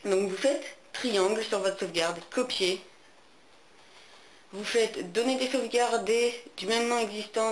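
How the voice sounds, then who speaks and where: Teen guy, hesitant console tutorial, echoey room, faint background hiss. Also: high-pitched. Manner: hesitant, many fillers. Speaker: gaming tutorial maker.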